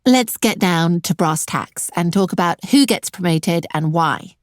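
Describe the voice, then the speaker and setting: A woman's voice: lowish voice, lively intonation, unhurried, no room sound, clean studio sound. Sarcastic, direct woman hosting a webinar. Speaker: webinar host and career coach. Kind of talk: presenting an online webinar.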